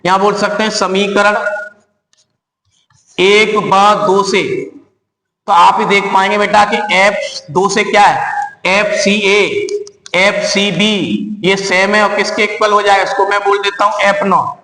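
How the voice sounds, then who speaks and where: A man teaches physics at a board in a high, carrying voice. He quizzes his class and answers his own questions, calling the students "beta" as he goes. The sound bounces around a roomy space with a long reverb. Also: flat delivery, moderate pace, pushed and bright. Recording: echoey room.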